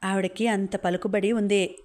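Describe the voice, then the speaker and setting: A woman reading the lines of a calm, kindly young man who patiently gives advice. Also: medium pitch, normal speed, lightly acted. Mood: reassuring. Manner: steady, patient, reassuring.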